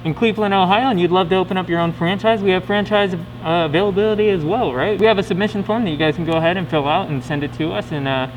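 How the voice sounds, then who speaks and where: A man hosts a company Q&A video to camera, working casually from a scripted outline and often ending sentences with tag questions. His voice is high-pitched and fast with few pauses. Steady music runs behind him, and the low-quality recording has a slight hiss or hum.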